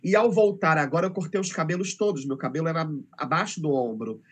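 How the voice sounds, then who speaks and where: This fairly high-pitched male voice moves at a quick pace. It belongs to a middle-aged Brazilian teacher who, as a guest in a relaxed interview, shares moving stories about the children he teaches and imitates how they sound.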